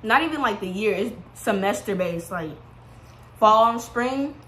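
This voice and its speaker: A young woman from San Antonio, a college sophomore, chatting in a relaxed way and chiming in with her co-host. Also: medium pitch, unhurried, slight background noise. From San Antonio, Texas. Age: young adult. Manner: relaxed, agreeable, chimes in briefly. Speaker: vlogger. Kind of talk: casual chat.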